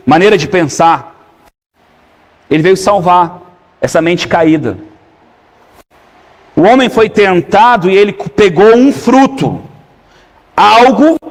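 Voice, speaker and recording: A man preaching a sermon as pastor, his voice sitting high for a man. He keeps turning to the congregation with quick questions and calls for an amen. The sound rings with a long reverb from the church hall.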